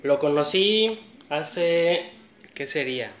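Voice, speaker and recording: A man with a northern Mexican accent telling a story in casual chat, relaxed and slangy, with many fillers. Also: fairly high pitch, slow. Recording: echoey room, slightly dull sound.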